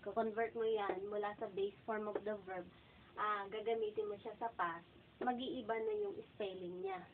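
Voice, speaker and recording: Woman teaching grammar over a tinny line. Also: mid-range voice. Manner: keeps asking "okay?" and saying "guys"; repeats verb forms slowly and clearly. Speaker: English teacher. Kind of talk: casual online grammar lesson. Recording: tinny phone-like sound, faint noise.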